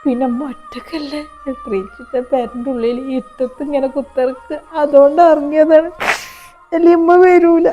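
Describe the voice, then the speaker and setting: A woman's voice: high-pitched, steady tone, moderate pace, highs cut off, faint music behind, close to an everyday voice. A woman playing a poor elderly widowed mother in a short skit, speaking in a Malappuram accent, hurt and pleading. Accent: Malappuram Malayalam. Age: older. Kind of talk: short-film skit acting.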